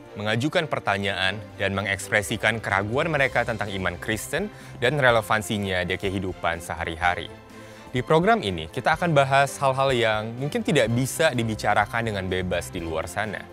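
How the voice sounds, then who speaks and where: A man's voice: lowish voice, a bit bright. A man reading a scripted, formal introduction to a youth discussion show, with music underneath. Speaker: show narrator. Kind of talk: scripted narration.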